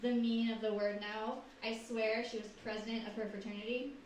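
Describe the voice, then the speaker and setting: A woman's voice: a little high, little pitch movement, brisk. A young woman performing a stand-up comedy set with dry, sardonic storytelling at a live show. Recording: echoey room, far from mic, loud noise.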